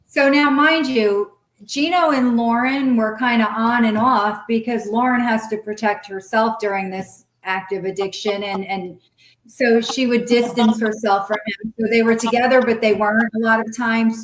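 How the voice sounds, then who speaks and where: A woman's voice: a little high, fairly even intonation, normal speed. A middle-aged woman telling a personal story candidly and bluntly, swearing freely and acting out past conversations in quoted voices. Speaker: guest sharing her story. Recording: roomy echo.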